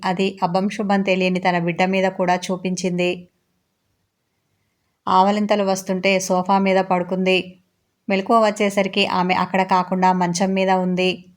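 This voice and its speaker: Woman, story narrator, flat even delivery, mid pitch. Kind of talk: scripted audiobook narration.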